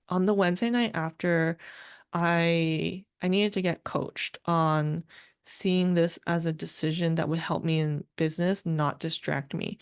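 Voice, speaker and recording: A woman's voice: fairly low pitch, no echo, studio quality. A woman hosting her own podcast as a life coach, telling her story in an upbeat, conversational way and laughing often. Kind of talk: solo podcast, casual storytelling.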